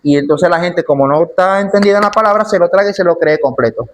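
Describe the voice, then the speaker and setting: A man's voice: sits high, quick pace, slight background noise. A man teaching a church Bible class in an emphatic way, often repeating his key phrases.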